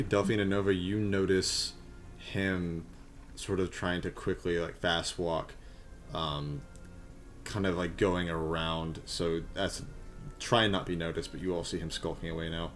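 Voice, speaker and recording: A man's voice: low-pitched, little pitch movement, measured pace, fairly bright tone, faint music behind. A man narrating as game master of a tabletop game, describing scenes in a loose, rambling way with many fillers.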